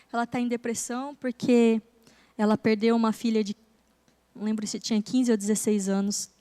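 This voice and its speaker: A woman preacher telling a personal story during a church service, acting out the conversations in a soft voice. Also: a little high, clear, resonant tone. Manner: storytelling, acting out dialogue softly. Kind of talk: sermon testimony.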